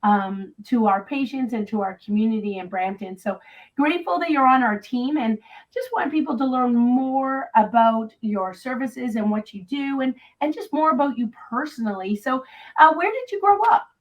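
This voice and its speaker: A woman's voice: on the high side, normal speed, dull audio. A woman running a clinic, enthusiastically interviewing a new team member. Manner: upbeat, enthusiastic. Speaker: clinic director interviewing staff.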